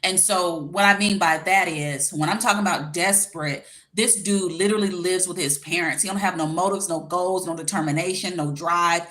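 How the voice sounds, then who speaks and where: A woman's voice: lowish voice, steady tone, normal speed, few pauses, fairly bright tone. A woman in her forties chatting casually to viewers as a life coach on a livestream, with a slight lisp from wearing a retainer and an informal, direct way of talking. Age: 40s. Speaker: life coach and YouTube host. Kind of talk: casual livestream chat giving dating advice.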